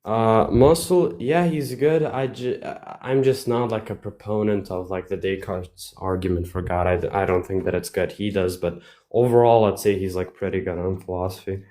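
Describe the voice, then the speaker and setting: A young man from Bosnia, speaking English as a second language, talks casually in a low voice. He hesitates often, filling gaps with fillers and restarting his sentences. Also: steady tone, normal speed, hardly any pauses, mellow. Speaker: livestream guest. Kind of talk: casual chat.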